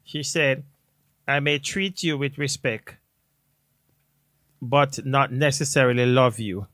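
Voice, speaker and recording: Slow, hesitant man in casual chat. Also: medium pitch, a bit bright, no echo, studio quality. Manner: thoughtful, hesitant, many fillers and restarts. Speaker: co-host. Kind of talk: casual live-stream chat.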